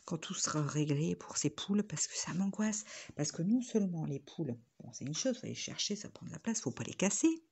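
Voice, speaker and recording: Woman, husky voice, casual crafting vlog chat, rambling, phone on a tripod at home. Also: lowish voice, lively intonation, a little fast, a little mellow. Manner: rambling, chatty, jumping between topics. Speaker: vlogger.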